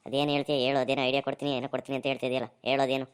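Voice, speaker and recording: Low-voiced woman doing a broke village man. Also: level tone, smooth. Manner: rapid rustic dialect, exasperated.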